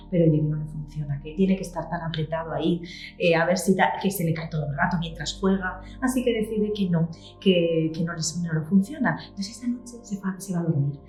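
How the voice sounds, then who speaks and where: Animated woman storyteller, echoey room. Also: lowish voice. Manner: animated storyteller, lively quoted voices. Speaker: guest, psychologist and children's author. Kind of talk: casual conversation. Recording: roomy echoing room.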